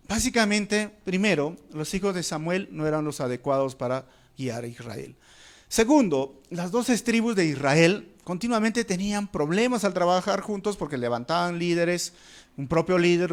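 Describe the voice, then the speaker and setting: A man preaching an expository Bible study as pastor, calling the listeners brothers, asking rhetorical questions and dropping his voice on key words. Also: high-pitched.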